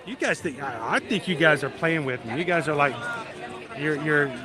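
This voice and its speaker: A middle-aged man from South Georgia with a deep Southern accent, chatting casually and folksily as he hosts a livestream. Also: moderate pace, music in the background, crowd noise. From South Georgia, United States. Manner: chatty, folksy, greets viewers by name. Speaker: livestream host. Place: outdoors in a busy theme park.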